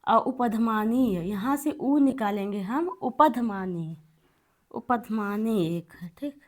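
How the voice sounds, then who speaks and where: Slow, repetitive woman teaching Sanskrit. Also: a little high, animated. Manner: repeats terms slowly, thinking aloud while writing. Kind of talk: board lesson with recitation.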